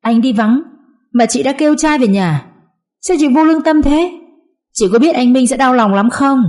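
A woman voicing a scheming young sister-in-law who accuses in a shrill, mock-tearful way, in an audiobook drama reading. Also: moderate pace, darkish tone, close to an everyday voice.

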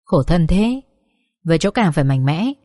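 A woman voicing a kind middle-aged woman who gently consoles a stranger in an audiobook story. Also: low voice, big pitch swings, moderate pace, no room sound, studio quality. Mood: consoling.

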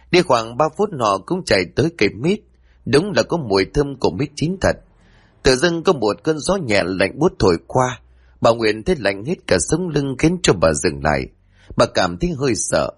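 Husky-voiced man telling a ghost story. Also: medium pitch, normal speed. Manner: dramatic, expressive telling. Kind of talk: scripted horror story narration.

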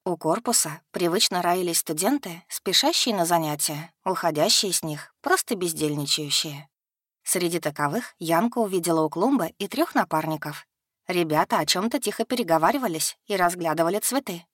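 Low-voiced woman reading a fantasy audiobook. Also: animated, normal speed, slightly rough, no room sound, studio quality. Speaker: audiobook narrator. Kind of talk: scripted fantasy narration.

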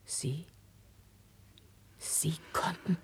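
An actress playing a composed, gracious queen with a measured, regal manner in 1950s German classical radio drama. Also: no echo, whispered. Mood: shocked, gentle. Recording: dry 1950s radio studio recording.

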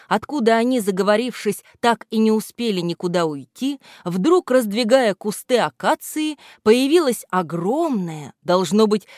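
A woman narrating a children's story in a calm, expressive storytelling manner. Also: mid-range voice, no room sound, studio quality. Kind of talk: scripted audiobook narration.

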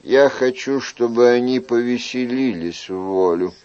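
A man reading an audiobook, voicing a weary, wry middle-aged king in a soft, measured way. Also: mid-range voice, clean tone, lo-fi sound, lightly acted.

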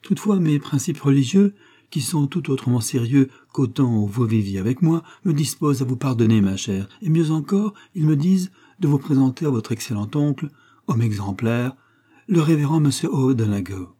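A man's voice: mid-range voice, lively intonation, normal speed, dark tone, husky, pitched above the performer's own voice. A male reader voicing a vain, effusive middle-aged woman who has newly remarried, exclaiming piously and gushing over everyone.

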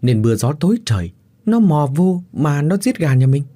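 A man voicing a gruff, irritable middle-aged country husband who snaps and shouts. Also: a little high, very animated, moderate pace, voice pushed up. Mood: puzzled. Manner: shouting, snapping angrily.

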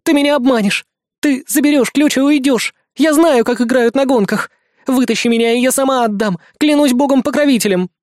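Frightened young girl, about twelve, shrill panicky pleading, very high, played by a male narrator. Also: brisk, few pauses, darkish tone, no echo, clean studio sound. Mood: panicked pleading.

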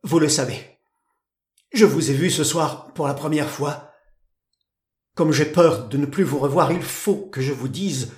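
A man's voice: a little high, measured pace, pauses often, close to an everyday voice. A man doing a breathless, lovestruck young man. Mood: pleading. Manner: breathless, pleading, stammering. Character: ardent, trembling young man in love. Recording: roomy echo.

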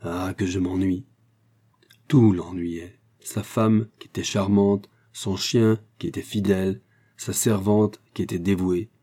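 A man narrating a classic adventure novel in a steady, measured reading. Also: on the low side. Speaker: audiobook narrator. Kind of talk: scripted narration.

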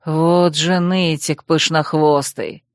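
A woman doing a sneering low-voiced ice mage. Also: fairly even intonation, a little slow, no room sound, studio quality. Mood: gruff. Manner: mocking, rough, hissing. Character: sneering young male northern ice mage.

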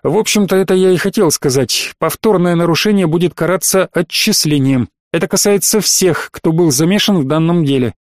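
An authoritative academy rector, read by a male narrator, formal and lecturing in tone. His voice sits a little high and the recording is dry. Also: a little fast, few pauses, dry recording, close to an everyday voice.

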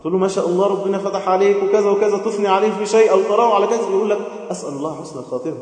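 Male Egyptian preacher, high-pitched and emotive, heavy reverb from a big hall. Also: little pitch movement, racing. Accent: Egyptian Arabic. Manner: emotive, swings between loud chanting and soft pleading. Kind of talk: sermon. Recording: booming echo with long hall reverb.

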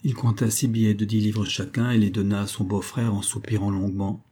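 Male audiobook narrator, low-pitched, husky, steady. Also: fairly quick. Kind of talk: scripted narration.

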